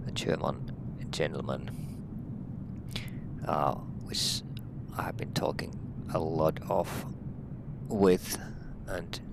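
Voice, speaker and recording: Whispering in a very deep voice with vocal fry, this middle-aged helicopter pilot from Finland speaks slowly in a Finnish accent. He guides a relaxed flight-sim session in a friendly, plain way, hesitating and leaning heavily on fillers.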